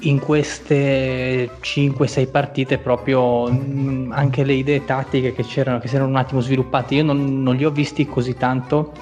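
A man's voice: mid-range voice, flat delivery, normal speed, few pauses, darkish tone, highs cut off, faint music behind. A man co-hosting a basketball podcast, talking in a thoughtful way with fillers. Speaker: podcast co-host. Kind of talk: casual basketball chat.

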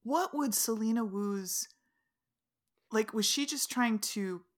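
A woman's voice: a little high, slow. A woman co-hosting a casual soap opera podcast, reacting to the recap with questions and disbelief. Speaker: podcast co-host.

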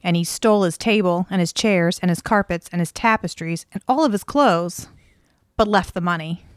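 A chatty woman co-hosting a book podcast, recapping the story in casual slang and laughing easily. Her voice sits a little low for a woman. The recording is close and dry, with no room echo. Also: moderate pace. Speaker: podcast co-host.

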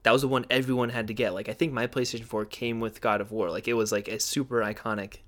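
A man's voice: mid-range voice, flat delivery, fast talker, fairly bright tone. A man hosting a podcast in casual chat, talking into a microphone with lots of fillers and playful asides. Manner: rambling, filler-heavy, playful. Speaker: podcast host. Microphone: studio podcast microphone.

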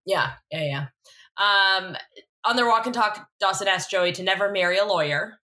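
Bright-voiced woman podcaster chatting casually. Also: medium pitch, normal speed. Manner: swears casually, chatty and self-deprecating. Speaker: podcast co-host. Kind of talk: casual chat recapping a TV drama.

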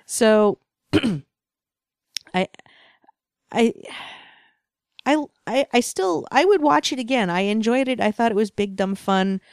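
Smooth, rambling podcast co-host. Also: medium pitch, slow, long pauses, dry recording, studio quality. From Boston. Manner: rambling, hedging, laughs often. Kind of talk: casual movie review chat.

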